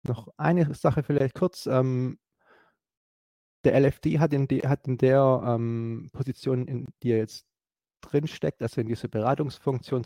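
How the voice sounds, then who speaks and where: A man's voice: medium pitch, gravelly, dark tone, no room sound. A man giving a hesitant, explanatory talk, full of fillers and restarts.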